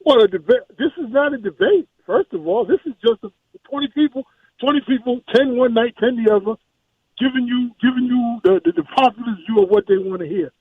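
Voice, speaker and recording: A man calls in to a radio show, his voice muffled as if heard through a wall and fading in and out. His voice is very high and husky. It comes down a dry, tinny phone line. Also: animated, brisk, dry recording. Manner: impassioned, stammering repetitions. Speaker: caller. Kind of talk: call-in radio talk.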